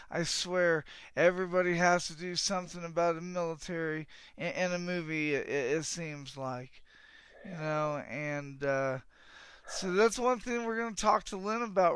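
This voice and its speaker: A man's voice: a little high, a bit bright, smooth, no echo. A man hosting an interview show, chatting casually and rambling, often repeating words as he goes. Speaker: host.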